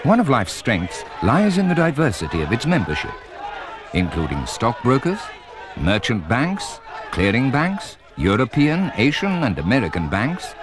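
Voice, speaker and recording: A man reading scripted corporate documentary narration in a measured, formal way. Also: medium pitch, huge pitch swings, crowd noise. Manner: measured, formal presenter delivery. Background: music.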